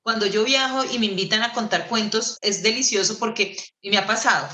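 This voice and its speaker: A Colombian woman storyteller giving an animated, theatrical lecture over a video call. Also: mid-range voice, a little fast. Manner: theatrical, playful, shifting into put-on voices. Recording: echoey room.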